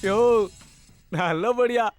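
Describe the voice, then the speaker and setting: An actor playing a fawning, greedy middle-aged marriage broker in a Tamil Nadu Tamil television serial, flattering and eager. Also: male voice, sits high, extremely slow, clean tone, no echo. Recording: loud music score underneath.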